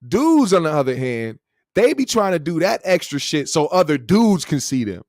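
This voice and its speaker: A man's voice: a little high, sing-song, moderate pace, dry recording, studio quality. A man hosting a call-in show, talking casually in a slangy, profane, opinionated conversational way. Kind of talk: casual opinionated rant and chat.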